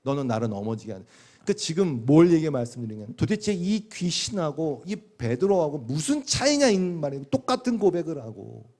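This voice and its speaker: A middle-aged man preaching a Sunday sermon with a voice a little higher than most men's. He talks to the congregation in a conversational way and keeps asking them questions. When he quotes people he acts them out with big pitch swings. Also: big pitch swings, normal speed, few pauses, a little mellow. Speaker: pastor.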